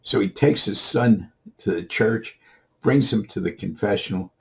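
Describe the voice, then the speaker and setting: Gravelly low-voiced man telling a joke. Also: unhurried. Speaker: comedian.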